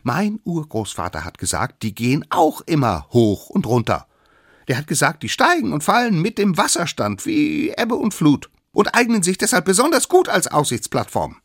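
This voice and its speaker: A man voicing the smallest of a band of little cavemen, a boastful know-it-all child with a squeaky, drawn-out high voice. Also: huge pitch swings, fairly bright tone, no echo, clean studio sound, exaggerated voice. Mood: cocky. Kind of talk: storybook read-aloud.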